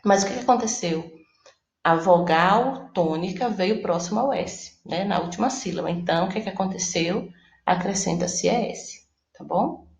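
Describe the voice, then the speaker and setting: Woman teacher with a gravelly, roomy voice. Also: fairly low pitch, moderate pace, darkish tone. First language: Portuguese. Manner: explains step by step, checks with "né?" and "tá bom?". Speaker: Spanish teacher. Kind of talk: recorded lesson.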